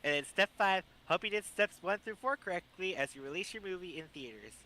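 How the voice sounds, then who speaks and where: A man's voice: sits high, lively intonation, brisk, sharp tone. A man co-hosting a casual podcast chat, often stammering and restarting his sentences. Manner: stammering restarts, reads out lists. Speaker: podcast co-host.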